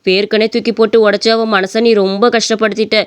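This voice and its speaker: A woman voicing a gentle, worried elderly mother-in-law in a cartoon story, speaking softly and fretfully. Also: mid-range voice, flat delivery, fast talker, smooth, voice pushed down, lightly acted.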